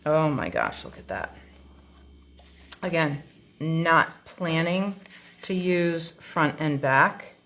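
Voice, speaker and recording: A woman's voice: low-pitched, expressive, takes it slowly, pauses often, fairly bright tone. A woman hosting a card-making tutorial, chatting casually through an unboxing and thinking aloud with frequent ums.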